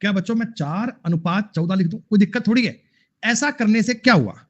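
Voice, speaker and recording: High-voiced scolding male math teacher. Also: brisk, dull audio. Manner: scolding, repetitive, addresses students as beta. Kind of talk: online math class.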